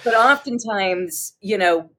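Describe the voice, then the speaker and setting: A woman's voice: mid-range voice, takes it slowly, fairly bright tone. Enthusiastic, easily laughing woman. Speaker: interview guest. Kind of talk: casual conversation.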